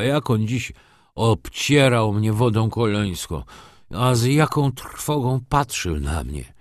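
A man's voice: mid-range voice, darkish tone, dry recording, clean studio sound, voice pushed up. A man voicing an agitated, tearful elderly nobleman father in an audiobook reading. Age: older. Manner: emotional, exclaiming, breaking into tears.

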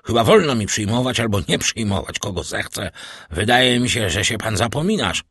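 A man's voice: lowish voice, lively intonation, moderate pace, a bit bright, breathy edge, no room sound, clean studio sound, heavily acted. A male narrator voicing an older banker, frightened and indignant, who talks in a blustering, defensive way.

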